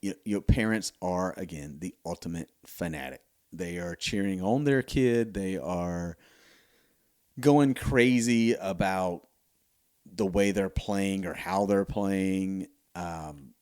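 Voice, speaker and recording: A man's voice: low-pitched, a little mellow. A middle-aged man from the United States hosting a solo podcast, talking casually and rambling with many fillers and restarts. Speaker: podcast host.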